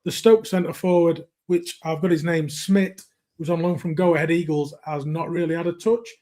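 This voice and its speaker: Higher-voiced man giving a match update. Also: fairly even intonation, normal speed, warm tone. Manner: chatty, rates players one by one. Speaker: match reporter at the ground.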